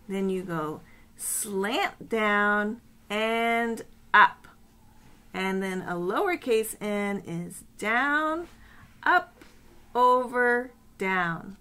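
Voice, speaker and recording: A woman in her forties giving young children simple, deliberate step-by-step instruction. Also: mid-range voice, pushed and bright. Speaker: teacher.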